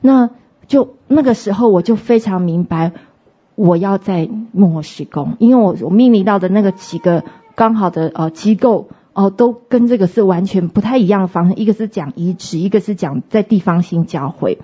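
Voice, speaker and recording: A woman minister telling her personal faith testimony in an earnest, halting way, often restarting her sentences. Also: mid-range voice, dark tone, breathy edge, highs cut off.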